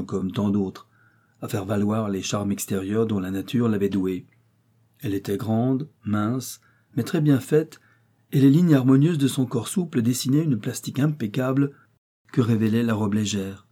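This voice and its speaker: A man narrates a novel for an audiobook with measured, even storytelling. His voice is low and dark, with a husky grain.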